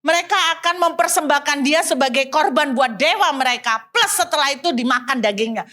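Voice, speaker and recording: A woman's voice: high-pitched, a little fast, bright, forceful tone. A woman pastor tells a story in a sermon. She talks animatedly, keeps turning to the congregation and drops in English phrases.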